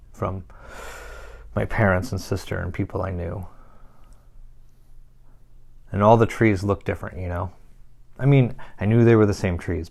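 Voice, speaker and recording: A troubled young man, acted by a man, opens up about his past in a deep, gravelly voice. He speaks haltingly, stops often, and picks his words slowly in this dramatic monologue. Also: darkish tone. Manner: halting, confessional, broken by pauses.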